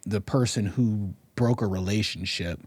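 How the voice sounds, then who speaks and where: A man co-hosting a podcast in casual chat, relaxed and plainspoken. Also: fairly low pitch, measured pace, no echo. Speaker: podcast co-host.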